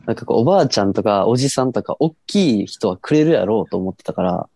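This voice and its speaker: A man's voice: lowish voice, expressive, fast, vocal fry, warm tone, slightly rough. A man in his twenties with a Kansai accent, chatting casually as co-host of an amateur radio show. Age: 20s. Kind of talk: casual banter.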